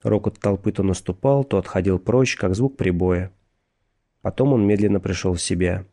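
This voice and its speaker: A man reading a thriller audiobook in a measured, steady narration. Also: low-pitched.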